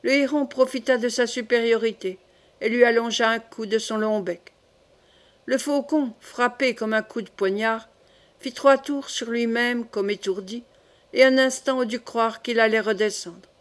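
A woman reading a classic French novel aloud as an audiobook, steady and literary. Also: fairly high pitch, normal speed. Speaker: audiobook reader. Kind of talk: audiobook narration.

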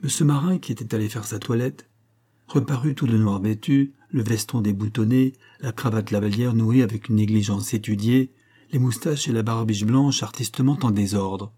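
Man narrating a story, measured delivery, dark mellow timbre, breathy edge. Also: lowish voice. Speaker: audiobook reader. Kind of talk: scripted narration.

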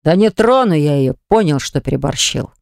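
An audiobook narrator voicing a smug, scornful man who gloats and yells when pinned down, in a smooth voice. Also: mid-range voice, animated, normal speed, dry recording, clean studio sound. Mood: sneering.

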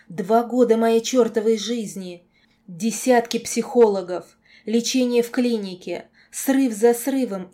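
A woman voicing a furious young woman in an audiobook, screaming insults in a hoarse, raw voice. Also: mid-range voice, dark tone, lightly acted. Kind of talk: audiobook character voice.

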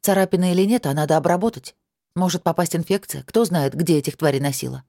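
A woman voicing a brisk, commanding young woman warrior commander who gives crisp orders. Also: fairly low pitch, dark tone, no echo, clean studio sound. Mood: firm.

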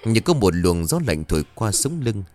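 A man narrating a scripted horror story in a slow, suspenseful reading voice. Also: fairly low pitch, very animated, a little mellow. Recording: music bed behind the voice. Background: faint music.

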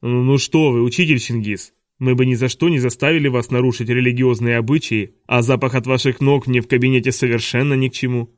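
A man's voice: medium pitch, fairly even intonation, brisk, hardly any pauses, no room sound, studio quality, close to an everyday voice. A man doing a sneering vain school official. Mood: brisk. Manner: loud, sneering, giggling. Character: vain, mocking, shrill male school vice principal.

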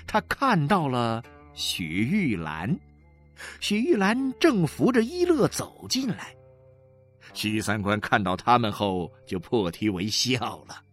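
A man's voice: lowish voice, a bit bright. A man narrating a literary novel as an audiobook, dramatic and emotionally varied, with faint music behind.

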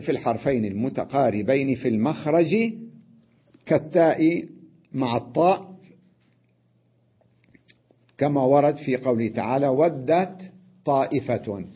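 Husky man teaching Arabic grammar. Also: mid-range voice, muffled recording. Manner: sounds out letters slowly and repeats examples; addresses the listener directly with checks like "notice" and "right?". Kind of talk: explanatory grammar lesson.

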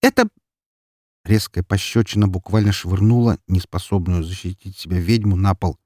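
Husky low-voiced male audiobook narrator. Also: normal speed, no room sound, studio quality. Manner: dramatic, expressive reading.

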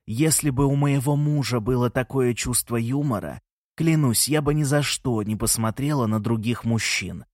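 A man's voice: mid-range voice, normal speed, a little mellow, no echo, studio quality, close to an everyday voice. A man voicing a gushing, theatrical old grandma. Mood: doting, teasing. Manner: gushing, teasing, fussy. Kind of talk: audiobook character reading.

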